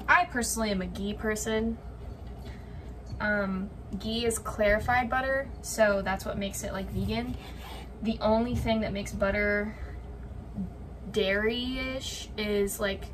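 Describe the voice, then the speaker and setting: A woman's voice: medium pitch, far from the mic. A young woman chatting casually to viewers while she preps meals, rambling with lots of likes and ums. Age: young adult. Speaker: vlogger. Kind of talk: casual chat while cooking. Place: home kitchen, indoors. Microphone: camera on the counter. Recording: off-mic with clear room noise.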